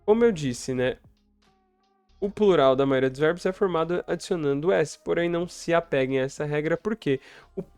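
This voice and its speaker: A man's voice: on the high side, normal speed, darkish tone, clear, resonant tone, no room sound, soft background music. A man teaching English, reading story lines aloud and translating them, often checking in with the viewer. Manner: frequent tag questions to the viewer. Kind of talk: explaining a story for learners.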